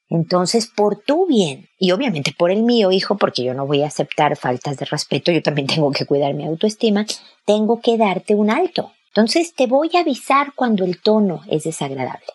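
A woman's voice: on the low side, big pitch swings, normal speed, darkish tone, husky. A woman gives direct parenting advice to a listener, speaking to her by name and acting out sample conversations. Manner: direct and explanatory, addresses the listener by name, acts out sample dialogues. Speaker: parenting advisor answering a listener. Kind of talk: advice talk addressed to one listener.

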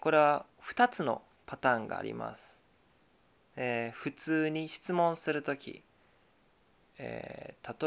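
Slow, careful male teacher. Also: mid-range voice, gravelly, a bit bright, smooth. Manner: slow, careful, deliberate delivery. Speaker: Japanese teacher. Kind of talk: scripted language lesson.

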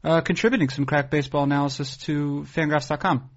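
A man hosting a casual podcast in a halting, dry deadpan way. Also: fairly high pitch, highs cut off. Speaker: podcast host.

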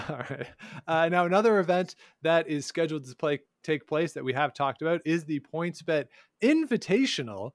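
A man's voice: a little high, expressive, moderate pace, dry recording. A man co-hosting a casual sports podcast, talking with wry sarcasm and chuckling asides. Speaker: podcast co-host.

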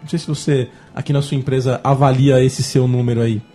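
Emphatic Brazilian man, slightly husky. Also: medium pitch, little pitch movement, brisk, warm tone, soft background music. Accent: Brazilian Portuguese. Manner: slangy and emphatic, acts out dialogue as he explains. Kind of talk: casual podcast discussion.

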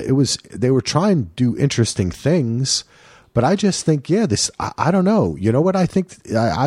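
A man hosting a casual sports podcast over a remote call, talking in a lively, rambling way with chuckling asides. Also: fairly low pitch, dry recording, studio quality. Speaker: podcast host.

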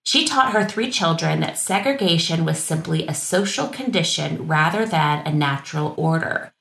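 A woman's voice: sits low, expressive, moderate pace, vocal fry, fairly bright tone, reverberant, low-quality recording. A woman co-hosting a podcast, reading facts from her notes in a casual chat and laughing easily. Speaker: podcast co-host.

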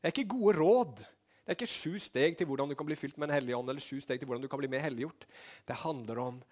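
Male preacher with a high voice, fervent sermon delivery, swings from shouting to hushed.

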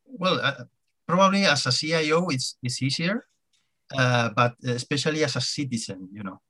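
A man from Spain with a Spanish accent, a native Spanish speaker answering interview questions in halting English with repeated words. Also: medium pitch, sharp tone. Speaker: podcast guest, hospital CIO. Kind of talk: conversational interview.

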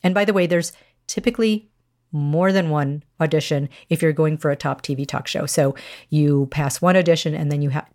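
Lower-voiced woman coaching on media. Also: darkish tone. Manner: clear, coaching, measured delivery. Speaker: podcast host and media coach. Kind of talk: instructional podcast monologue.

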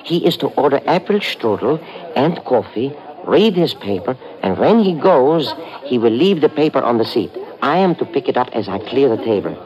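A man's voice: medium pitch, very animated, moderate pace, darkish tone, highs cut off, close to an everyday voice. A man playing a polite, servile waiter. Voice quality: formal, deferential, keeps saying sir. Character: polite, servile male waiter, eager to please. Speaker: restaurant waiter in a radio drama. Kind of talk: 1950s radio drama acting.

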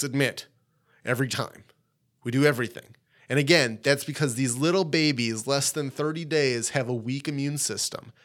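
A man hosting an educational medical podcast, teaching in an emphatic, deliberate and informal way with short, repeated points. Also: medium pitch, fairly bright tone.

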